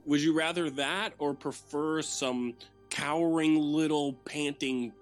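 A man's voice: a little high, fairly even intonation, measured pace, soft background music. A congested man chatting casually as a podcast guest, making wry, easygoing remarks. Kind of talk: casual chat.

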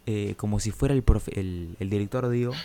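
A man's voice: fairly low pitch, brisk, mellow, slight background noise. A man with an Argentine accent telling a school story in a casual chat, hesitant and full of fillers. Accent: Argentine Rioplatense Spanish. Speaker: podcast co-host.

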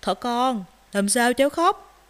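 A woman voicing a big, kindly old male bear in a children's story, dropping her voice lower. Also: animated, slow pace, clean tone, big-room sound. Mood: gentle. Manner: lowered voice, gentle and then roaring.

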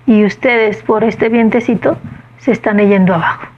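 Woman doing a calm gentle man, soft authority, kinda high voice, slightly dull recording. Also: normal speed, lightly acted. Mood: calm, reassuring.

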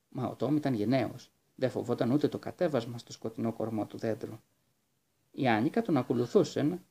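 A man narrating a children's book aloud with lively, expressive storytelling. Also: medium pitch, creaky, breathy edge. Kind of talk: audiobook reading of a children's book.

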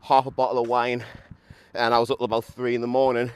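A young man with a medium-pitched, clean voice rattles off a fast, completely flat monologue to camera while walking a street. He's a podcaster, hungover and still tipsy after a run, cursing freely and mocking himself. The handheld mic and camera pick up heavy traffic noise.

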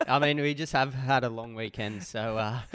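A man's voice: medium pitch, moderate pace, a bit bright, smooth, no room sound. A man with an Australian accent co-hosting a podcast in casual, laid-back, matey chat. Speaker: podcast co-host.

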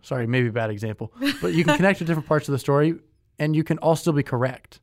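This young podcast co-host talks fast and casually, stumbling through plenty of fillers, restarts, and corrections. His voice is fairly high, and the recording is dry and studio quality.

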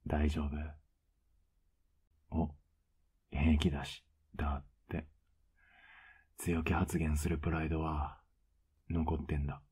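Whispered role-play, male voice actor as a doting older boyfriend: husky, very low, flat and coaxing. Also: heavily acted. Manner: teasing, soft-spoken, coaxing.

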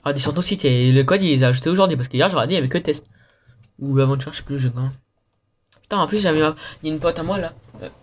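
This man's voice sits on the high side, and the recording has its highs cut off. He's making a gaming video, kicking off with an upbeat intro before chatting quickly and loosely in slang; he says he's sick and sounds phlegmy.

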